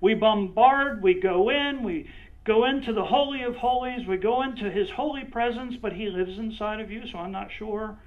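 A man's voice: sits high, moderate pace. A male pastor preaching a conversational sermon, drawing on listeners by name and checking in with frequent "right?". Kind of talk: sermon with acted-out role-play. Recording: dull lo-fi recording.

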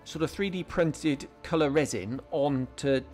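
A scale modelling channel host, his voice high-ish, a bit slow and a little mellow, casually talks through each tutorial step with lots of ums and restarts. Soft music runs behind this relaxed hobby voice-over.

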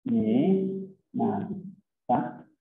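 A man's voice: medium pitch, wildly swooping pitch, drawn-out words, gravelly, a little hiss or hum. A man teaching a lesson in a casual way, explaining step by step and dropping in English terms. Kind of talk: casual classroom lecture. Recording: tinny phone-like, roomy echo.

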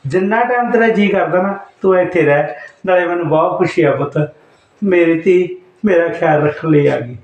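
A man plays a sick old father with a gravelly, slightly high voice, soothing and tender. His voice carries a roomy echo, picked up from a distance. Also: moderate pace, dull audio. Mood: comforting. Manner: gentle, comforting. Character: ailing elderly father, tender and reassuring. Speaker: father character. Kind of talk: Punjabi short-film acting.

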